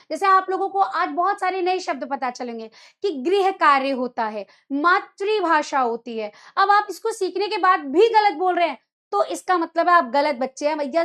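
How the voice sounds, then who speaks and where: A woman's voice: extremely high pitch, fairly bright tone. A young woman teaching a Hindi lesson to school students in a chatty, teasing way, often scolding them fondly as children. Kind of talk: online exam-prep lecture.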